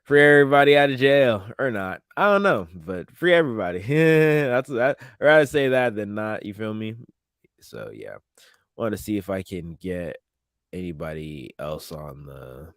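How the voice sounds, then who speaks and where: A man hosting his own podcast, reacting to news clips in loose, slang-heavy chat and chuckling at his own jokes. His voice is smooth and clear. The close mic leaves it dry, with no room sound. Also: on the low side, lively intonation, moderate pace, fairly bright tone, no echo. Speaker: podcast host. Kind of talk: casual commentary on news clips.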